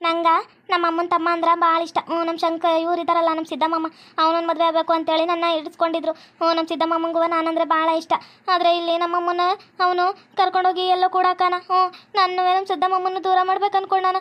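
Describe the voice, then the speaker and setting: A woman's voice: very high voice, completely flat delivery, fast talker, fairly bright tone. A woman with a North Karnataka Kannada accent playing a young village girl who misses her mother and pleads anxiously. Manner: fretful, pleading.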